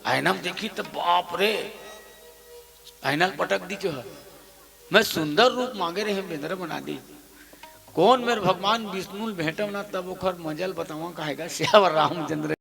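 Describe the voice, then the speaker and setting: A man with a Chhattisgarhi accent giving a devotional Ramayana discourse. He talks in an animated way, laughs often and acts out quoted lines, and leads the listeners in call-and-response chants. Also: high voice, a little slow, gravelly, big-room sound, faint music behind. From Chhattisgarh, India. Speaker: Ramayana expounder.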